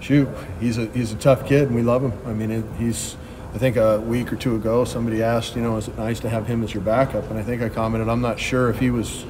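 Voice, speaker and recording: A middle-aged man, a head baseball coach, answering reporters at a postgame press conference with plain, quick answers and frequent restarts. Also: mid-range voice, level tone, noisy background. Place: press backdrop at a ballpark.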